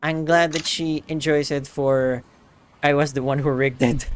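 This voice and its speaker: A man's voice: a little high, fairly even intonation, measured pace, a little hiss or hum. A man streaming a game, chatting casually in a hesitant way with frequent stammers. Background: game music.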